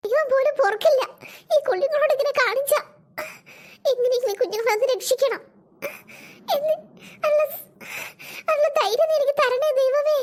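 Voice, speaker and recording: A woman's voice: extremely high pitch, normal speed, long pauses. A woman voicing a kind, worried woman in a cartoon, murmuring anxiously and soothing the children. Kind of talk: cartoon voice acting.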